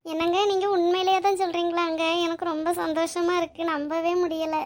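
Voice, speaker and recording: A woman's voice: very high voice, little pitch movement, brisk. A woman voicing a loving, motherly elder sister and wife in a cartoon drama, with an affectionate, emotional manner. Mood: amazed. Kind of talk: Tamil cartoon drama voice acting.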